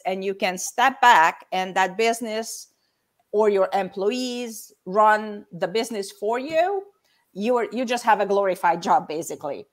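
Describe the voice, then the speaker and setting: In a relaxed conversation, a guest walks through her explanations one step at a time. She is a woman in her fifties from Hungary, with a Hungarian accent and a medium-pitched voice.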